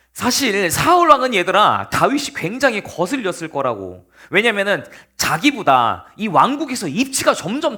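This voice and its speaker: A man preaching a casual youth sermon as a youth pastor, telling the story in an animated way and speaking directly to his listeners. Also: sits high, husky.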